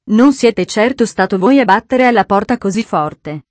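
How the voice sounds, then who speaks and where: A woman voicing a frightened old housekeeper, speaking softly and hesitantly, in a dry storybook reading. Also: mid-range voice, lively intonation, moderate pace, no room sound, natural voice. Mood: fearful.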